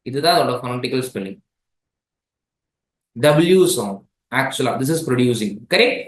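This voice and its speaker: A man's voice: medium pitch, expressive, slow, reverberant, low-quality recording. A man teaching an exam-prep grammar lesson with a Tamil accent, switching between languages and often checking in with his students. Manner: mixes languages, checks in with "right?".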